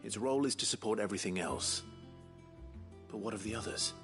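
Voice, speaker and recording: A man playing a calm, courteous guardian and mentor in a fantasy drama, speaking in a measured, gently instructive and formal way. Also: fairly low pitch, soft background music. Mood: patient, instructive. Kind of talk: scripted fantasy drama acting.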